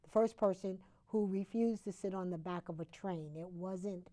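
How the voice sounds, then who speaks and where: A talk show guest from Connecticut, a woman with a low-ish, mellow voice, explains history haltingly, using many fillers and correcting herself often.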